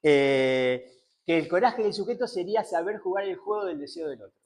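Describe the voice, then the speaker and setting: A man's voice: high-pitched, expressive, normal speed, darkish tone. Man lecturing, frequent tag questions. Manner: thinking aloud with many fillers, repeated tag questions. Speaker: seminar lecturer on psychoanalysis. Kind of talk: spoken seminar lecture.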